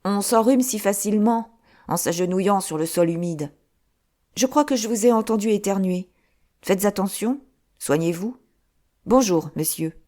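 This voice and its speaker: A woman reading an audiobook, voicing a calm young adventurer with a dry, witty manner, close to her own voice. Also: medium pitch, normal speed, close to an everyday voice.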